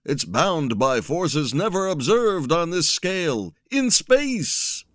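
A man's voice: a little high, very animated, slow pace, fairly bright tone, no room sound, clean studio sound, full character voice. A man voicing a melodramatic, portentous old sci-fi announcer in the style of a movie trailer. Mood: ominous, dramatic. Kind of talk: mock sci-fi trailer narration.

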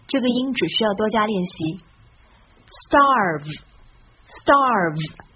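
A woman hosts an English pronunciation lesson with gentle encouragement, drawing her example words out slowly and fully. The voice track is a little dull and lo-fi, with a faint hiss underneath. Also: mid-range voice. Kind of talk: friendly scripted lesson narration.

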